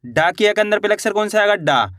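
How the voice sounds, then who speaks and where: High bright-voiced man teaching spelling. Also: expressive, dry recording, studio quality. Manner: slow syllable-by-syllable sounding out, quizzing the viewer; encouraging, addresses viewers as friends. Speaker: Hindi teacher. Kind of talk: spelling lesson for beginners.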